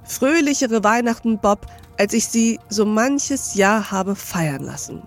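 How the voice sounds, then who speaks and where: A woman reading aloud voices an old male moneylender, gruff and commanding, later hearty, for a storybook reading. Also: mid-range voice, lively intonation, slow, faint music behind.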